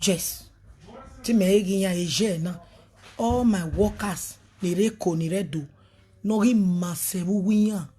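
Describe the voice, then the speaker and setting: A woman who leads a ministry speaks at a measured pace in a warm, medium-pitched voice. Her animated livestream talk is preachy and emphatic, blending pidgin, English and a local language.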